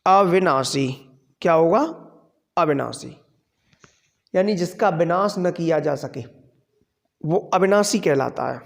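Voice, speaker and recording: A man with a high voice gives a grammar lesson at an unhurried pace. He poses questions to the class and answers them himself. A long reverb trails behind his voice, as in a large hall. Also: animated, creaky. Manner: explains slowly, asks and answers his own questions. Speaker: Sanskrit grammar teacher. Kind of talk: classroom lecture.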